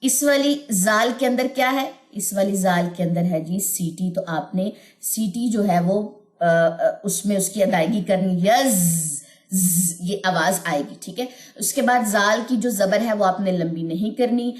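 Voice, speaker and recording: A woman teaching tajweed, explaining patiently with repeated points and chanting verses slowly. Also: medium pitch, echoey room. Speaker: Quran recitation teacher. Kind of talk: tajweed lesson with chanted recitation.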